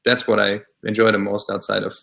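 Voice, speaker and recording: Austrian-born man with a gravelly voice. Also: lowish voice, level tone, fairly quick, sharp tone. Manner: thoughtful, hesitant with many fillers. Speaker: interview guest, law scholar. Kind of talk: casual interview.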